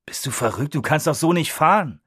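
A man's voice: a little high, lively intonation, brisk, a bit bright, husky, dry recording, studio quality. A man voicing an injured, nervous man who protests tensely, in an audiobook reading. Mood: protesting.

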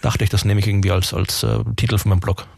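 A man's voice: lowish voice, flat delivery, fast, creaky, dry recording, clean studio sound. A man who is an astronomer and science writer, a guest on a radio show, explaining at length while hedging and restarting his sentences. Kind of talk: conversational radio interview. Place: radio studio.

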